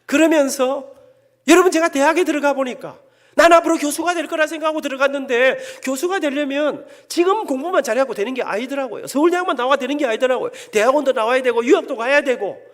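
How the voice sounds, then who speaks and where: A man's voice: very high-pitched, fast. A man, a church elder with a Gyeongsang Korean accent, preaching an emotional sermon and telling his own story dramatically. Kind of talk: sermon with personal testimony. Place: church sanctuary. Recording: long church hall reverb.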